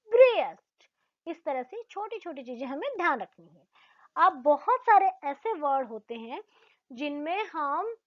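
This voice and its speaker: High-voiced woman teaching, lo-fi. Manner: patient, explains step by step and asks questions to the class; slows down to spell out example words. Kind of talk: English grammar lesson in Hindi. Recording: slightly dull lo-fi sound.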